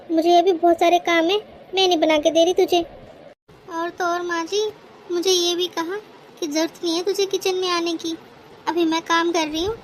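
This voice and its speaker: A scheming young daughter-in-law in a cartoon, played by a woman, who complains in a sugary, whiny tone to get sympathy. Her voice is very high. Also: slight background noise. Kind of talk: cartoon voice acting.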